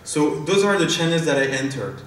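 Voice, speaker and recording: A very animated man with a somewhat high, slightly bright voice and a moderate pace, a French-accented startup founder from France, demos his product live on stage. Hesitant, he piles up fillers and restarts. The large conference hall is recorded from far off, echoey with faint noise.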